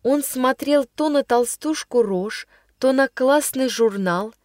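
A woman narrating a first-person story in a measured storytelling way. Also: high voice, a little mellow, no room sound, clean studio sound. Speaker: audiobook reader.

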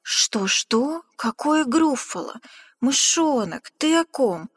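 Woman playing a slow coaxing sly snake. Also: high-pitched, lively intonation, slightly rough, voice pushed up, heavily acted. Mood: curious. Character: sly hungry female snake. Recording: long hall reverb.

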